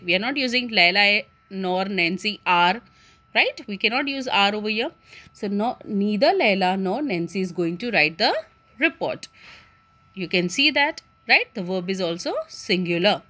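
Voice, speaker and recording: A woman's voice: medium pitch, a bit bright. A woman teacher with an Indian English accent explaining a grammar lesson step by step, often asking and answering her own questions.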